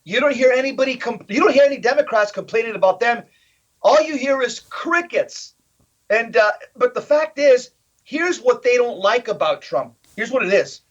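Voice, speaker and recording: Man with a high voice firing off rhetorical questions, punchy and emphatic, kinda dull lo-fi audio. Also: animated, moderate pace. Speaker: guest. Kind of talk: animated political interview talk.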